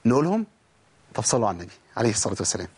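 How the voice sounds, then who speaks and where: Fast-talking Egyptian tajweed teacher. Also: male voice, fairly low pitch, sing-song, darkish tone, husky. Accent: Egyptian Arabic. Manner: asks and answers his own questions; demonstrates pronunciation. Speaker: Quran recitation teacher. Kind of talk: tajweed lesson.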